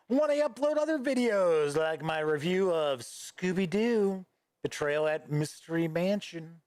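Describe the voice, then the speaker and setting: Hosting a gaming news livestream, a man with a voice on the high side rambles casually, reading out viewer chat and responding offhandedly. The recording, made on a desk studio microphone, is dry.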